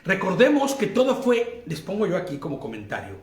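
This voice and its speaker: A man's voice: sits high, wildly swooping pitch, fairly quick, a little mellow, echoey room. A Mexican man teaching an interactive Bible study, often asking his listeners questions and laughing easily. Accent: Mexican Spanish.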